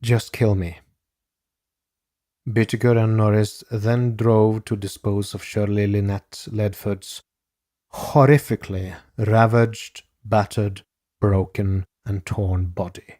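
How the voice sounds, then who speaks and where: A man narrates in a grave, measured way, his voice low-pitched and his pace very slow and deliberate. The sound is dry and close, with no room around it. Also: level tone, warm tone, no echo. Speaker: podcast host. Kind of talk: scripted true-crime narration.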